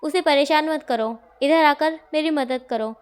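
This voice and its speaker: A woman voicing a stern, calm young man. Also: high-pitched, unhurried. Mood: firm. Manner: firm, scolding.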